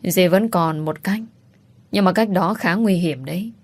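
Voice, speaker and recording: A woman voicing an older sorceress aunt who speaks calmly and gravely in a storybook reading. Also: fairly low pitch, unhurried, no echo.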